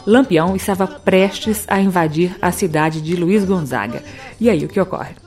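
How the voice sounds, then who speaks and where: A woman with a lower voice introduces her guest and poses a question. She reads in a measured, formal way. Faint music sits behind her. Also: darkish tone. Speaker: interviewer.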